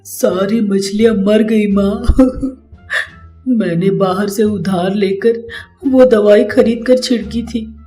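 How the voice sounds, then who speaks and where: A woman's voice: lowish voice, a little slow, mellow, soft background music, lightly acted. A woman voicing a worried adult son who pleads with his mother in a cartoon story. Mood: tearful. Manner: pleading, choked up.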